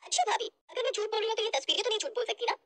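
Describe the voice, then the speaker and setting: A woman's voice: very high-pitched, big pitch swings, very fast, a bit bright, a little hiss or hum, voice pushed up, heavily acted. A woman doing a spiteful young sister-in-law. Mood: mocking accusing. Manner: mocking, accusing.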